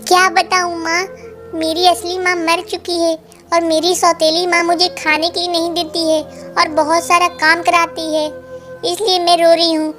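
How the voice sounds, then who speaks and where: A woman's voice: very high voice, completely flat delivery, normal speed, a bit bright, soft background music. A woman voicing a sad, overworked little girl bird who pleads with her elders. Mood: pleading. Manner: pleading, tearful.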